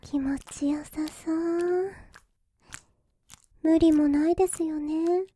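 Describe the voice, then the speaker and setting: A woman voicing a teasing young masseuse who tends to a hero, speaking in a soft breathy whisper with a slow, coaxing, giggly manner. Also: extremely high pitch, steady tone. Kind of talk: whispered ASMR roleplay.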